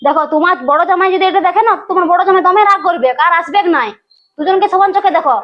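A rapid, fairly high woman's voice on a dull, lo-fi recording. a woman playing a firm, scolding elder sister in an amateur village comedy drama, with a Manbhum Bengali accent. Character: outspoken elder sister scolding her mother. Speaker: elder daughter. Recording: dull lo-fi sound.

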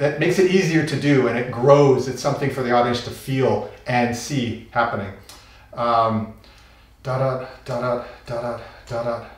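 A man talks through his taiko solo, thinking aloud and sounding out the drum patterns with his voice. He is heard from a distance in a very reverberant room. His pitch sits in the middle range. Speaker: taiko teacher. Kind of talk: instructional talk. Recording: very echoey room, mic far off.

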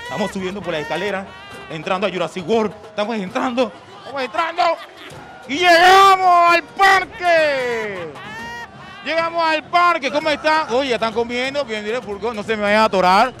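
A man with a Panamanian accent doing loud, teasing comic street interviews at a stadium, often shouting. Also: high-pitched, fast talker. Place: outdoors at a stadium crowd. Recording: music and crowd noise. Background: crowd and music.

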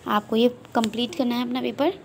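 A woman teaching a nursery class online, slowly drilling letters one by one for small children and mixing English with Hindi-Urdu. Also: a little high, steady tone, creaky, a little hiss or hum.

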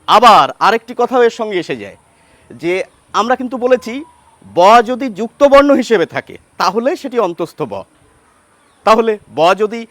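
High-voiced Bengali teacher, slow and deliberate. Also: male voice, a bit bright, no room sound. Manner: deliberate, sounds out example words, asks questions then answers them. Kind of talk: grammar lesson.

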